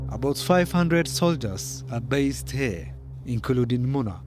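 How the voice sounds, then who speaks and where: A man from Somalia, narrating a documentary report in a measured, grave voice. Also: mid-range voice, lively intonation, over music.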